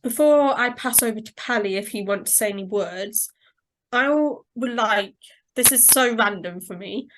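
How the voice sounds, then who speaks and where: A woman's voice: fairly high pitch, normal speed, a bit bright, a little hiss or hum. A woman hosting a radio interview, asking friendly, chatty questions over a video call. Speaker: radio host. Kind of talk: casual interview chat.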